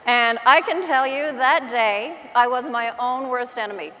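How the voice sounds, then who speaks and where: Woman, Newfoundland accent, fairly high voice, motivational conference speaker, informal storytelling, self-deprecating, long hall reverb. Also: unhurried, sharp tone. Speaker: real estate agent and conference speaker. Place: large indoor conference hall.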